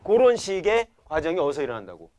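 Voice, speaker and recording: A man's voice: fairly high pitch, big pitch swings, fast talker, a little mellow, dry recording. A young man teaching science to a class, constantly checking understanding with quiz questions and chanting memory tricks. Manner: keeps quizzing students with repeated questions. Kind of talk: classroom lecture.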